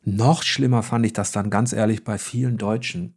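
A man's voice: on the low side, steady tone, moderate pace, darkish tone, breathy edge. A man, a journalist, speaking frankly and with opinions in a casual conversation.

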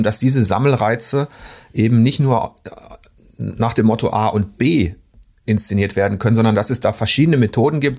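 A man discussing video games in a casual conversation, measured and full of hesitant pauses. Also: mid-range voice, a little mellow. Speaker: game critic.

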